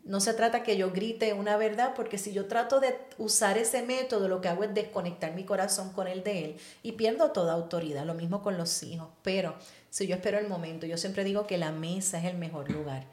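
A middle-aged woman, a pastor's wife, telling a personal testimony in an animated way and mixing in English words. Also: medium pitch, fairly quick. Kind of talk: conversational testimony. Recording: roomy echo.

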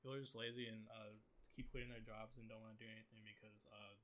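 A man's voice: on the low side, level tone, fast, a bit bright, slight background noise. A young man co-hosting a casual podcast chat, rambling through stories and laughing often. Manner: rambling, laughs a lot while telling stories. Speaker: podcast co-host.

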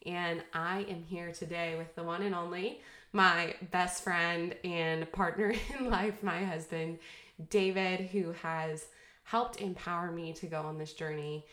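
A woman with a low-pitched voice chats casually as a podcast co-host, breaking into giggles now and then. Her voice rings around an echoey room. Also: steady tone, measured pace, a bit bright. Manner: giggly, laughs often between phrases. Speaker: podcast co-host and brand founder.

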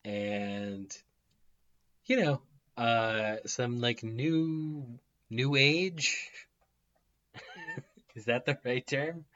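A man co-hosting a podcast in relaxed chat. His voice sits at an everyday middle pitch. He rambles, restarts his sentences and laughs often, and the recording sounds slightly dull and lo-fi. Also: very slow, long pauses. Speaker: podcast co-host. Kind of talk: casual chat.

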